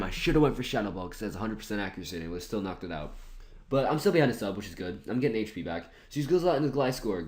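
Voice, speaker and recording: A man's voice: low voice, a little mellow. A man giving casual commentary over an online game battle, thinking aloud in a chatty, self-mocking way. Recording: roomy echoey room.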